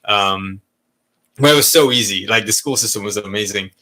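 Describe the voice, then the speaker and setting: A man's voice: lowish voice, normal speed, bright, forceful tone. A man in his thirties from Malaysia, telling stories in a candid, rambling way as a podcast co-host in casual chat. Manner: candid, rambling storytelling with frequent swearing and laughs.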